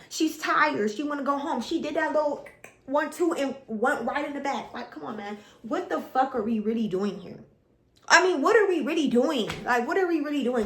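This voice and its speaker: A woman's voice: fairly high pitch, a bit bright. A young woman vents about a reality TV show. She is blunt and profane, and she repeats her complaints in exasperation. Her voice carries a noticeable echo from the room. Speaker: reality TV reaction vlogger. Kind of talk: casual ranting commentary.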